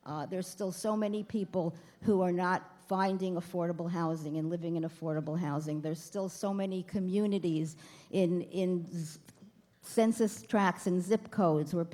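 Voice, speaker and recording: A woman's voice: lowish voice, fairly even intonation, normal speed. Chatty woman giving a gala speech. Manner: chatty, self-deprecating, warm with the crowd. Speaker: speaker at a nonprofit gala. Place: banquet hall.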